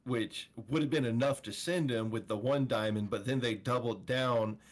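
A man's voice: medium pitch, moderate pace. A man co-hosting a casual movie podcast, recapping plot points and agreeing with the others. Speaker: podcast co-host. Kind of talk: casual movie review chat.

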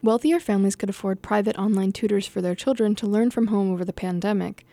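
A woman's voice: medium pitch, fast talker, vocal fry, mellow, no echo. A young woman reading her own essay aloud, casual and self-correcting, laughing off her own slips and restarting lines. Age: young adult.

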